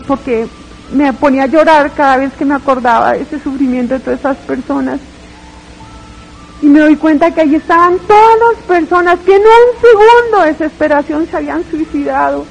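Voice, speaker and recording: A woman's voice: sits high, slight background noise, low-quality recording. A woman giving a dramatic, tearful religious testimony, retelling her story with fervor.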